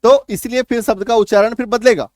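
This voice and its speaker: A man teaching English reading in a spoken lesson, drilling letter combinations and asking quick checking questions. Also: steady tone, dry recording, studio quality. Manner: fast sales pitch for his course.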